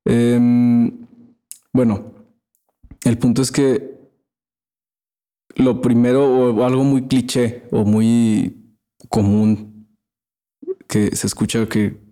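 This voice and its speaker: A man's voice: mid-range voice, level tone, very slow, long pauses, dark tone. A man with a Mexican accent hosting a casual monologue, rambling in crude slang and often trailing off and restarting. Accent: Mexican Spanish. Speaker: podcast host.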